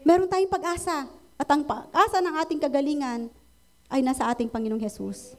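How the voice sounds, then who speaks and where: A woman with a Filipino accent preaches in a very high voice. She moves between Tagalog and English and keeps asking her listeners for an amen. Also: fairly quick. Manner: mixes Tagalog and English, asks congregation for amens. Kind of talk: sermon.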